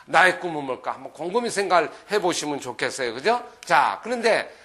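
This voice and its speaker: Middle-aged pastor guy teaching a kids bible lesson, high voice, keeps asking the kids stuff. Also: a little fast. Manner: lively, asks the listeners questions, often adds "그죠?". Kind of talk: sermon lesson to children.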